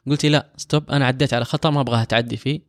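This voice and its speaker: A man with a Saudi Arabic accent speaks very quickly at a middle pitch. His delivery is casual and reflective, like a musician discussing his craft. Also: fairly even intonation. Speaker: oud player.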